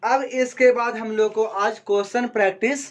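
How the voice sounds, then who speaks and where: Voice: medium pitch, steady tone. Teacher asking and answering questions. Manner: asks the class questions, then answers them, slow and deliberate. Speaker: coaching class teacher. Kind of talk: classroom lecture, explaining physics prefixes and Greek symbols.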